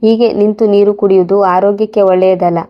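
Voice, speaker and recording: A gentle young wife speaks softly and patiently, read by a woman storyteller. Her delivery stays flat and unhurried. The recording sounds dull and lo-fi. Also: medium pitch, lightly acted. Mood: calm. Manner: soft, steady and quiet.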